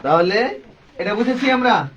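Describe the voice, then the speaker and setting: Slow-spoken male recitation teacher. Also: high-pitched, animated, background noise. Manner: slow, drawn-out demonstrations, quizzing students. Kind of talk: classroom tajweed lesson. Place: classroom with a group of learners. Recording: dull, distant classroom recording with many people.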